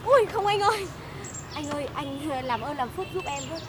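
A woman's voice: high voice, animated, brisk, over a noisy crowd. A woman playing a flustered, pleading passenger in a hurry in a comedy sketch. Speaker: hurried passenger. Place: outdoors on a city street. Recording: loud street noise outdoors.

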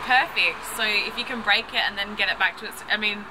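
A woman's voice: medium pitch, a little fast. A woman being interviewed on the street, bubbly, jokey and chatty. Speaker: interviewee, aspiring entertainer. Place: outdoors on a city street. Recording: noisy street with traffic.

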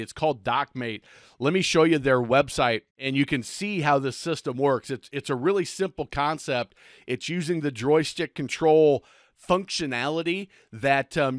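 A man's voice: medium pitch, no echo. Middle-aged guy rambling about gear, ums everywhere, dry close mic at a desk. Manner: chatty, frequent ums and restarts. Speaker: boating channel host. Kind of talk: casual product rundown to camera. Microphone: desk microphone on camera.

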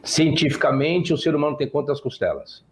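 Lively Brazilian man teaching on a live stream. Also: a little high, fairly quick. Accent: Brazilian Portuguese. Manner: lively, lecturing, frequent "tá?" tags. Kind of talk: livestream lecture with viewers.

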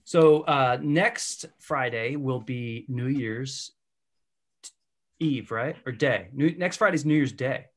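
A hungover man hosts a casual movie podcast over a video call. His pitch sits in the middle for a man, and he talks in a loose, jokey, easygoing way. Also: takes it slowly. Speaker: podcast host. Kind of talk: casual film podcast chat.

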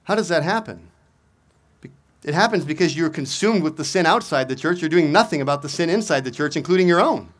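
Speaking from an outdoor lectern into its stand mic, a middle-aged pastor with a fairly high voice preaches a brisk, expressive sermon. He drives his points home by repeating them and keeps throwing out rhetorical questions.

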